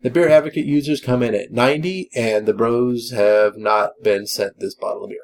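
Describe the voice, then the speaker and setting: A man's voice: medium pitch, normal speed. A man co-hosting a beer review, chatting casually in a rambling way full of "like" and "you know". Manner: rambling, filler-heavy, animated. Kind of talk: casual chat.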